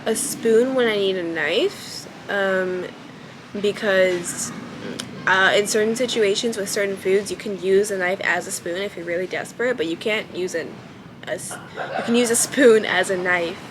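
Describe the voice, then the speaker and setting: Talking to the camera from home, a young vlogger muses aloud in a relaxed, hesitant manner, filling pauses with many ums. Her childlike, baby-ish voice sits at a medium pitch and moderate pace over a noisy background.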